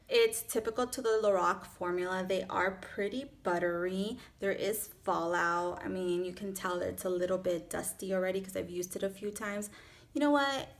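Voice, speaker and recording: A woman in her thirties speaks with a Miami accent and noticeable vocal fry. Her pitch sits in an ordinary middle range. She talks in an informal, chatty way, like a beauty vlogger walking viewers through a tutorial at home. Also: fairly bright tone. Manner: chatty, informal, self-accepting. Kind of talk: casual makeup tutorial chat. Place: small furnished room at home, indoors.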